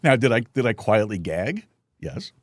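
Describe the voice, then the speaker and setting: A man's voice: medium pitch, very animated, moderate pace, creaky, dry recording, clean studio sound. A middle-aged man hosting a live talk show, telling stories with many restarts and chuckles. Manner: storytelling with lots of restarts and chuckles. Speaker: podcast host. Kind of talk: casual live chat.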